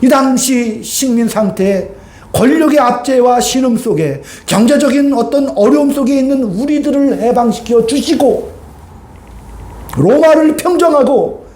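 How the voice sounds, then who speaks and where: A male pastor preaching a sermon, telling the story with lively rhetorical questions and acted-out voices. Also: extremely high pitch. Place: church sanctuary. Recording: echoey church hall.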